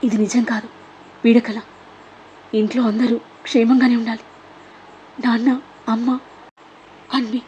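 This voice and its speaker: A woman's voice: a little high, level tone, a little slow, pauses often, warm tone, slight background noise, voice pushed up, close to an everyday voice. A woman voicing a frightened young daughter held captive who speaks in a raised, shaky voice. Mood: tearful. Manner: tearful, then resolute. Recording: dull lo-fi recording.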